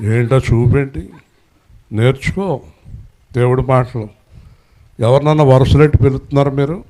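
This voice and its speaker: A man preaching a sermon who scolds and quizzes his congregation, demanding loud answers, and swings from low murmurs up to high shouted peaks. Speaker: pastor.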